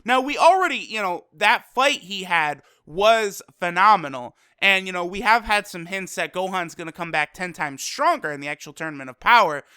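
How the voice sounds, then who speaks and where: Young man, casual episode review, loose and profane, lots of fillers, smooth clear voice, dry sound. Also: sits high, lively intonation, moderate pace, few pauses, sharp tone, no echo. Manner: loose and profane, heavy on fillers like "you know" and "like". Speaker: anime reviewer.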